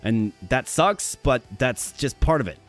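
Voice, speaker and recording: A man streaming a game keeps up chatty, upbeat commentary aimed directly at his viewers, unhurried and with lively intonation at a medium pitch. His voice comes across strained and worn, he sometimes stutters and repeats words, and faint music plays in the background.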